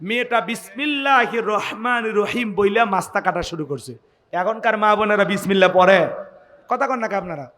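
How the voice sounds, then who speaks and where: A man's voice: sits high, moderate pace, fairly bright tone, in a large hall. A man preaching a sermon, rousing the crowd with calls for responses and joking asides. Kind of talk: sermon at an evening religious gathering.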